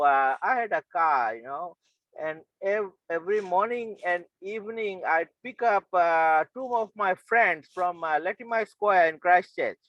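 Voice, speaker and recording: A man from Fiji with a slightly high voice recounts his past as a guest speaker, with frequent ums and restarts. The audio is dry and dull, like a muffled online call. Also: a bit bright, no room sound. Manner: hesitant, many fillers and restarts, chuckles. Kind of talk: personal storytelling.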